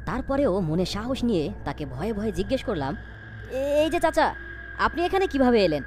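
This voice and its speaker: Speaking at a normal speed in a medium-pitched, slightly mellow voice close to her everyday one, a woman voices the young, anxious storyteller of a cartoon ghost story in scripted narration and dialogue. She's very animated, dramatic, wondering and fearful, and there's a little hiss or hum in the audio.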